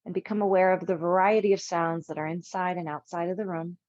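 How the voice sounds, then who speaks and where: Long pauses separate the soothing, measured lines of a low-voiced woman leading a meditation as a yoga instructor. Her tone is steady and a little mellow. The recording comes across somewhat dull and dry, free of echo.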